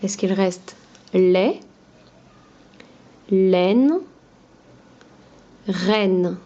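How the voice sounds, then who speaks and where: Woman teacher, unhurried, breaks words into syllables for kids; slightly muffled recording. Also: mid-range voice, dark tone. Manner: patient, drawn-out syllables, repeats each word. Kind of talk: slow, clear teaching to young children.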